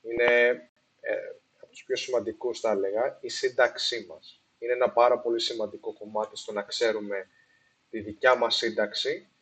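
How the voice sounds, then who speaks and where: A man talks through a casual explainer on investing, pausing with fillers and restarting his sentences. His voice is husky and his middle-pitched tone is plain. He often drops English phrases into his talk, and the recording is of poor quality. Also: fairly even intonation, a bit bright. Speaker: investing video host. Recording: poor sound quality, apologized for.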